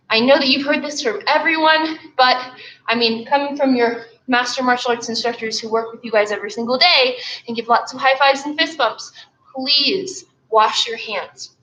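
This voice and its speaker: A woman martial arts instructor teaching an online kids' class, energetic and fast-talking as she calls out drills. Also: high-pitched. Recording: roomy, dull-sounding room audio.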